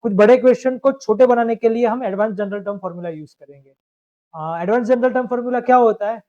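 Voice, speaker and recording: A man's voice: very high voice, fairly quick, dark tone. A man teaching math in a live online lecture, explaining step by step and asking students to confirm. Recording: dull lo-fi stream audio.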